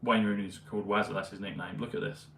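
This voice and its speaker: A man vlogging in a meandering, hesitant casual monologue full of pauses and fillers. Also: fairly low pitch, level tone, gravelly, a bit bright, slight background noise. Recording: roomy, mic at a distance, faint ambience.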